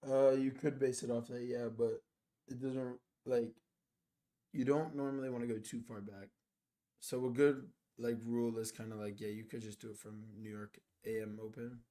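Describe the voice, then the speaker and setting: A man talks his chat through a live trading session in a relaxed, slangy manner. His pitch sits in an ordinary middle range, and he breaks setups down step by step between offhand asides. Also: moderate pace. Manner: laid-back slangy talk, lots of "like", "bro" and "yo". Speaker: day trader streaming live. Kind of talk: casual live-stream trading commentary.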